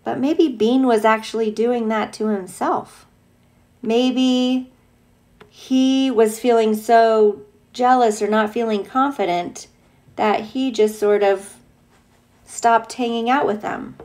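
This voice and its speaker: Taking her time, a teacher with a fairly high voice reads a picture book to young children. Her delivery is playful and full of expression, sprinkled with gushing, conversational asides.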